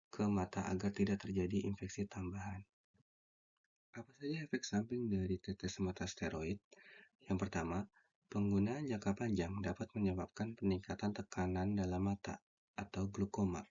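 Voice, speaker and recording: Young male student, low mellow voice, reads a class presentation point by point; dull lo-fi recording. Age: young adult. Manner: reads numbered points in a steady, listing way.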